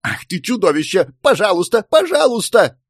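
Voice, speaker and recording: A man voicing a small, furious, shrill middle-aged wife who scolds and shrieks at her husband. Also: sing-song, moderate pace, no echo, clean studio sound. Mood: scolding shrill.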